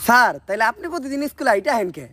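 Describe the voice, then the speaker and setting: Cheeky, high-voiced man in comedy sketch. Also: expressive, racing, heavy background noise. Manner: cheeky, mocking. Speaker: comedy sketch actor playing an unruly student. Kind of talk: comic sketch acting.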